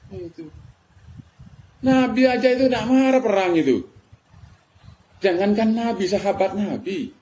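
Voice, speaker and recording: Brief: middle-aged Madurese-Javanese Indonesian preacher man, unhurried, emphatic, slightly high voice, faint hiss. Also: lively intonation, mellow. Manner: emphatic, rhetorical questions, mixes colloquial words. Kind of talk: religious lecture. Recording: faint background noise.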